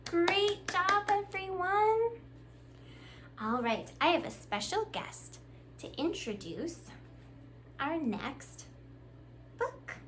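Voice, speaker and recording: Reading a story to young kids, this librarian storytime host uses a bright, high, animated voice over faint background noise. She draws out her words and leaves long pauses, full of expression as she poses simple questions and praises the children.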